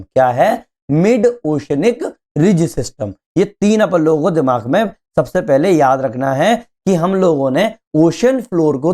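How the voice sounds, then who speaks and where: Hindi-speaking male teacher, mellow voice. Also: on the high side. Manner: keeps asking students if they follow; explains slowly, repeating key terms. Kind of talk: exam-prep lecture.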